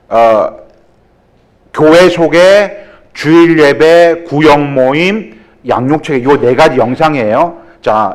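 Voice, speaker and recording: Male pastor, seminar sermon, bouncy delivery, playful, acts out scenes. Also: on the high side. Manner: animated, jokey, acts out greetings and dialogue. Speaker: guest pastor leading a church growth seminar. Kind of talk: seminar-style sermon with acted examples and jokes. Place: church sanctuary.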